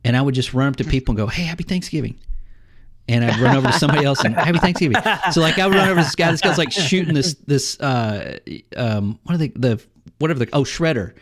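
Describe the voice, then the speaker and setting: A middle-aged man co-hosts a casual video game podcast, talking quickly at an ordinary middle pitch. He spins long, rambling stories and breaks into lively acted-out quotes of other players.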